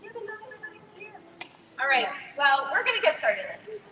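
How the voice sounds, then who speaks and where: A woman leading a children's story time, chanting rhymes and drawing the kids in with a sing-song, animated way of talking. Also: very high voice, brisk. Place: large expo venue. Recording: echoey room from far off with noise.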